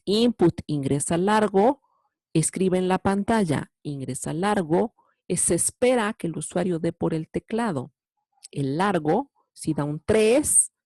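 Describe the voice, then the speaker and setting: A woman's voice: lowish voice, darkish tone, no echo, clean studio sound. A woman with a Mexican Spanish accent teaching a programming lesson, explaining code patiently step by step and often checking in with a questioning "sí". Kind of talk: recorded lecture explaining code.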